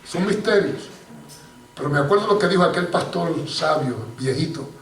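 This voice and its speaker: High-voiced preaching pastor, echoey hall. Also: male voice, moderate pace, slight background noise. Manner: animated preaching, addressing listeners as hermano. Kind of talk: sermon with storytelling. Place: church hall. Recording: echoey church recording from far off.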